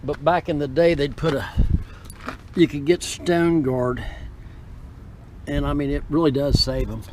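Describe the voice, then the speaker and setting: Unhurried and steady in tone, a car dealer with a fairly high voice walks around a car outdoors, rambling between points as he presents it. He raises his voice over the wind, which the camera's built-in microphone captures as loud noise.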